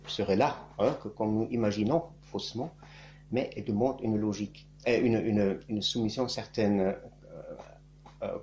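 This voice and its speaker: A priest-monk whose native language is German delivers a spoken catechesis haltingly, searching for words and tagging phrases with "hein." His male voice is lowish and a little mellow, and the recording has its highs cut off plus a slight hiss or hum.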